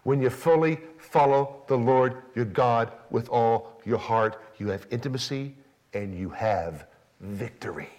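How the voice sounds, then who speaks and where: A pastor preaches a little slowly, his sermon rising from soft, low emphasis to excited, raised lines, and now and then he acts out a biblical speaker in first person.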